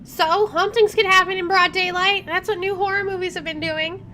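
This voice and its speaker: This woman streamer has a very high-pitched, sharp voice, speaking at normal speed with fairly even intonation. During her let's play, with game music underneath, she reads the in-game narration and adds offhand reactions.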